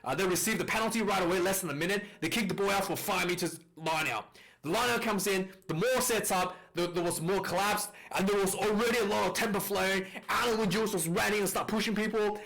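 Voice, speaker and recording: A man's voice: high voice, fast, vocal fry, a bit bright. A man casually reviewing a rugby match, rambling with fillers and restarts, recorded on a distorted, clipping mic. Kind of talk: casual video commentary.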